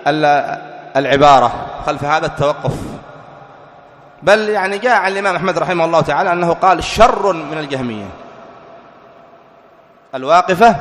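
A fairly high-voiced man gives a religious lesson, posing rhetorical questions and answering them himself. His voice rings through a large hall with a long reverb tail. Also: a bit bright. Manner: reads quoted text slowly and deliberately. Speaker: religious teacher. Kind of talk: lecture explaining a creed text.

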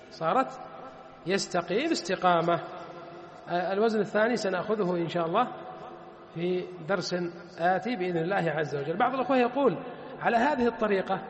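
A man gives a classroom lesson in a very high voice, spelling out forms one by one and answering his own questions. His voice rings around a roomy space with a long trailing reverb. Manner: repeats words slowly, asks and answers his own questions. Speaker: teacher of Arabic morphology. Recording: echoey room with long reverb.

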